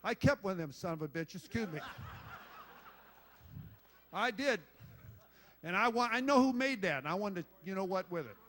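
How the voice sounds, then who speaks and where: Older man, high-ish voice, profane, blunt former coach telling war stories at a dinner. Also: animated, normal speed, long pauses, fairly bright tone. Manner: blunt, salty storyteller, swears and jokes with the crowd. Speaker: former football head coach giving induction speech. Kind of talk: rambling after-dinner speech with stories.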